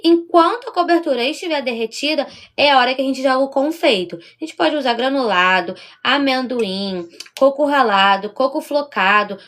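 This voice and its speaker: She's a baking instructor from Rio de Janeiro, Brazil, her voice a little high and a bit bright, with a Carioca Portuguese accent. During her live-streamed baking demonstration she chats with viewers while working, repeatedly checking in with them.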